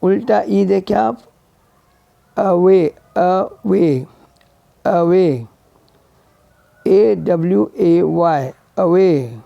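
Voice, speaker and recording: A man teaches English vowel sounds at a very slow, deliberate pace, spelling out each word and saying it again and again. His voice is warm and gravelly. The recording is dry and dull, with a lo-fi sound. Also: high-pitched, dry recording. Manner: spells words letter by letter and repeats them. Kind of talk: slow spelled-out phonetics lesson.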